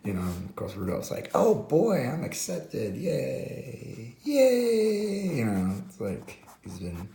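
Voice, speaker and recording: A hoarse man casually commenting while he draws, rambling with many fillers and restarts. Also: sits low, mellow, echoey room, a little hiss or hum. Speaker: host.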